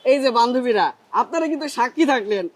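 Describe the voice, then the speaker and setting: A man's voice: very high voice, expressive, a little fast. A man playing an evasive, flustered character in a TV comedy drama who keeps stalling with jokes and excuses. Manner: dodging, flustered, jokey. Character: evasive man stalling about a flat he lacks.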